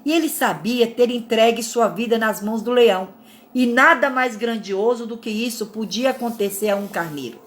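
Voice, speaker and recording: A woman reads a spiritual fable aloud, calm and measured. Her voice sits fairly high, and she now and then corrects a slip. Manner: calm, measured reading with small slips and self-corrections. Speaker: narrator.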